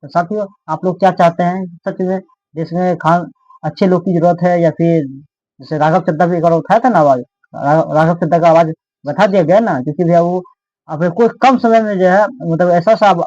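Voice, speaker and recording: Speaking at a normal pace, this man has a high voice with a darkish tone as he offers loose, wandering political talk. He keeps checking in with "ठीक है ना?", asking his audience "right?" again and again. There's no room sound, and the audio is dull, lo-fi and dry.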